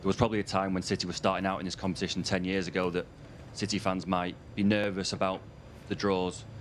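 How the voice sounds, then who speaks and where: A man with a very low, flat voice, firing off a rapid and fluent question at a press conference. Faint room noise sits under his speech. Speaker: reporter.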